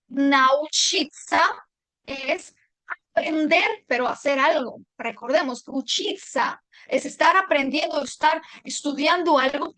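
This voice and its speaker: A woman teaching a language lesson, patient, repeating words slowly and clearly. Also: high voice, pushed and bright, no echo, low-quality recording.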